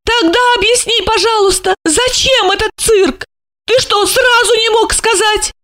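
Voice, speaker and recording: A woman voicing a distraught young woman who cries out in shrill, accusing protest. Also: unhurried, a bit bright.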